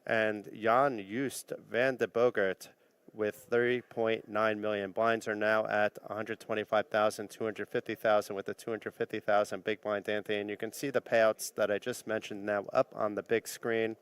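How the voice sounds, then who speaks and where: A man's voice: lowish voice, flat delivery, moderate pace, clean tone. A man doing easygoing live play-by-play commentary on a poker final table. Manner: easygoing play-by-play, light joking.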